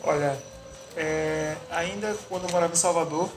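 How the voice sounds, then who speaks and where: A man's voice: a little high, fairly even intonation. Reflective Bahian man in echoey room. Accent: Bahian Portuguese. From Bahia, Brazil. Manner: reflective, pausing, restarts words. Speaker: interviewed artist and musician. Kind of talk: relaxed interview answers. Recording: echoey room with music behind.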